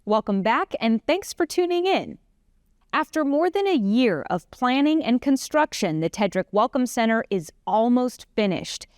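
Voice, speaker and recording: Lively upbeat female anchor. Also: a little high, moderate pace, no room sound, studio quality. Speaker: news show anchor. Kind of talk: scripted news presenting.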